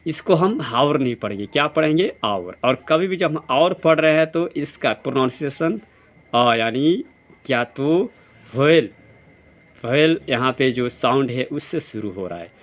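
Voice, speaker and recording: A male teacher explaining grammar quiz answers. He keeps asking questions and answering them himself, and he reads the example sentences slowly, word by word. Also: medium pitch, lively intonation. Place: classroom or study centre. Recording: dull lo-fi sound.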